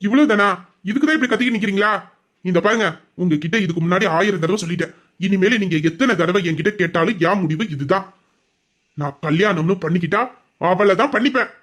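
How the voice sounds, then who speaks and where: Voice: medium pitch, quick pace, fairly bright tone, lightly acted. A performer voicing a domineering, boastful young man with an obsessive streak, in an audio drama. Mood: defiant boasting. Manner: boastful, menacing.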